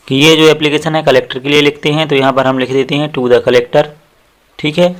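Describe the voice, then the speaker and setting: A tutorial teacher with an Indian accent walks through a lesson step by step in a mid-range, fairly bright voice. He explains as he goes, repeats phrases, and slows down whenever he reads a quoted sentence.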